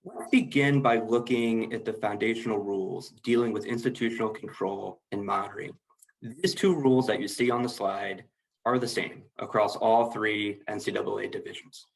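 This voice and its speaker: A man's voice: on the low side, moderate pace, gravelly, poor audio. A man presenting a corporate training webinar, explaining slides in a formal, methodical manner.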